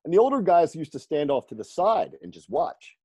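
A man who coaches firefighters on fitness, telling stories in an interview, lively and laughing often as he acts out the people he quotes. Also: fairly high pitch, a little fast, breathy edge, no echo. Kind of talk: storytelling in a conversational interview.

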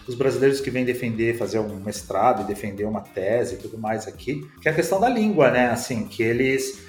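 A man's voice: medium pitch, animated, brisk, faint music behind. Brazilian man hosting in a roomy echo. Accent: Brazilian Portuguese. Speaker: podcast host. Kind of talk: interview questions, casual talk.

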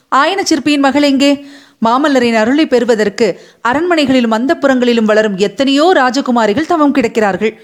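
A woman's voice: high-pitched, voice pushed up, natural voice. A woman voicing a proud young female court dancer who speaks in a hurt, indignant and tearful way, in an audiobook. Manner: tearful, indignant, speaking through a third party. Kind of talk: audiobook character voice.

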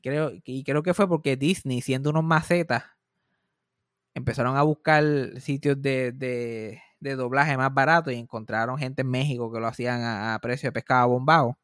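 A man with a Puerto Rican accent tells a long story on a podcast in loose, rambling chat, swearing freely and restarting his sentences. His voice sits at an ordinary middle pitch. The sound is dry and close, with no room echo. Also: fairly even intonation, moderate pace, a bit bright. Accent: Puerto Rican Spanish. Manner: rambling and profane, with frequent restarts. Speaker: podcast host.

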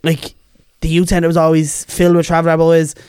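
A man's voice: a little high, completely flat delivery, fairly quick, a little mellow, smooth, dry recording, clean studio sound. A man in his twenties with a Dublin Irish accent, telling stories colloquially in casual podcast chat. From Ballymun, Dublin, Ireland. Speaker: podcast guest.

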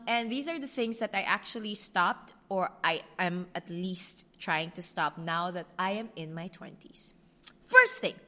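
A woman's voice: mid-range voice, sharp tone. A woman in her twenties with a Filipino accent, hosting a solo advice podcast in an earnest, direct way and slipping in Tagalog words. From Philippines. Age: 20s. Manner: earnest, talks straight to the listener, mixes in Tagalog words. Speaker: podcast host.

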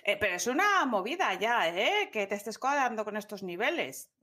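A woman's voice: a little high, sing-song, normal speed, pushed and bright. A chatty woman hosting. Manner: chatty, playful, slangy. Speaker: podcast host. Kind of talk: casual interview chat.

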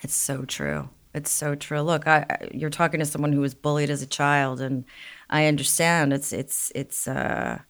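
A woman hosting an interview, asking halting questions and offering soft, supportive affirmations. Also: sits low, level tone. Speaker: host. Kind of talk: conversational interview.

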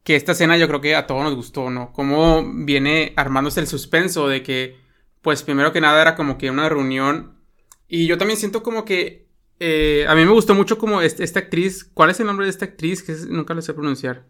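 A man's voice: a little high, brisk, sharp tone. A man with a Mexican accent chatting casually about a film, rambling with lots of fillers and tag questions.

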